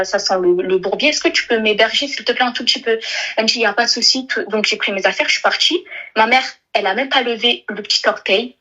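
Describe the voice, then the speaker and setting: A woman's voice: mid-range voice, pushed and bright, muffled recording. A young woman calling in, telling a personal story in a rambling, hesitant way with many restarts. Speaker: caller. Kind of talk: emotional phone-in confession.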